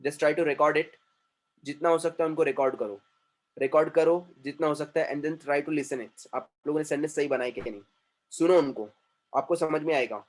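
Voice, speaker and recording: A man's voice: a little high, moderate pace. Stern man teaching English. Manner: mixes Hindi and English, stern and repetitive. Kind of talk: online class lecture.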